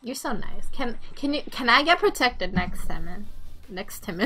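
A woman streaming a game live, excitable, laughing and swearing as she comments on each fight through her headset. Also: on the high side, unhurried, soft background music. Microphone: headset with headphones.

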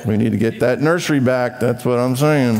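A man preaching a church sermon as pastor, emphatic and animated, with offhand asides. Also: mid-range voice, normal speed, big-room sound, crowd noise. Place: church sanctuary.

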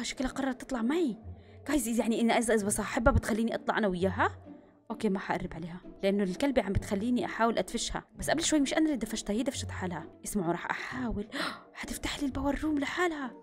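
A young woman giving excitable let's-play commentary, with bursts of screaming and quick whispers. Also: fairly high pitch. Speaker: gaming YouTuber.

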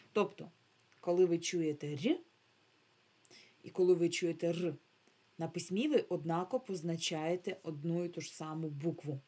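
Woman, primary teacher, remote phonics lesson; a low, mellow, husky voice, unhurried and carefully articulated. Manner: slow, carefully drawn-out words, modeling sounds for children.

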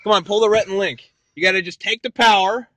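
A man's voice: high voice, steady tone, quick pace, sharp tone, no echo. A man laughing and teasing his in-law while filming him take a hot pepper challenge. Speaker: channel host filming the challenge. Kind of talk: casual chat.

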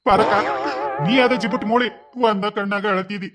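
An actor playing a gloomy, self-pitying young village man in a cartoon comedy, speaking with a North Karnataka Kannada accent, with melodramatic complaints and quick outbursts. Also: sits high, steady tone, over loud music. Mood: mopey.

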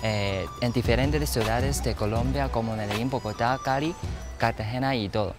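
Young Chinese man, careful halting speech. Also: medium pitch, loud music behind the voice. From China. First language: Mandarin Chinese. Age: 20s. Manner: halting, careful, searching for words with many fillers. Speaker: exchange student and Mandarin teaching assistant. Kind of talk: interview answers. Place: outdoors on a university campus.

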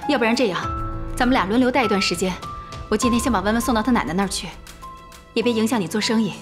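An actress playing a patient young mother who talks gently and soothingly to her small child in a TV drama. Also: a little high, rapid-fire, music in the background, close to an everyday voice. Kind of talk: TV drama acting.

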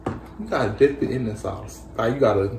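A man's voice: medium pitch, fairly quick, creaky, darkish tone. A man co-hosting a casual mukbang vlog, coaxing and playful as he gives instructions. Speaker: vlogger co-host. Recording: echoey room with faint noise.

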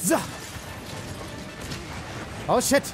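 A young man giving excitable live commentary on a game he is playing, rapidly repeating words and mixing in English slang. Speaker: let's player. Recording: game music behind.

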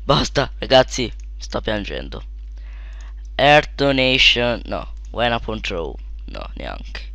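A young man giving casual let's play commentary, shouting at sudden deaths and then muttering quietly to himself, close to a desk mic. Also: slow, gravelly, no room sound. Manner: excitable, yelps and shouts at in-game deaths, then mutters low.

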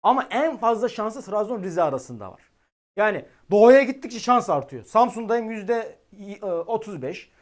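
A man giving live-stream weather commentary, excitable and exasperated, talking directly to his chat. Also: sits high, moderate pace.

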